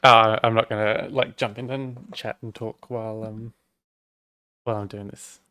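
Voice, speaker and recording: In a laid-back live-stream tech walkthrough, an Australian-accented man rambles self-deprecatingly, talking as he works on his setup. His voice is fairly low and steady, bright, forceful, clear and resonant, at a normal speed. The recording is dry.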